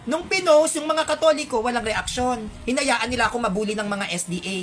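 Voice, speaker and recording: A woman's voice: on the high side, a little fast. A woman with a Filipino accent, delivering an indignant, heated monologue to her viewers with rhetorical asides.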